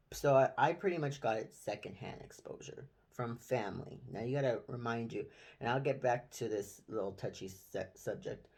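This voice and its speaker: Male vlogger, fairly low voice; hesitant, meandering personal storytelling into a phone. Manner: halting, rambling, many restarts. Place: indoor room.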